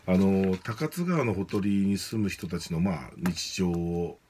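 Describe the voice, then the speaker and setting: A man who is a film director, a guest in a radio studio, talking softly and hesitantly with many fillers. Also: low-pitched, expressive, a little slow, husky. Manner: soft-spoken, hesitant with fillers. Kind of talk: casual radio interview.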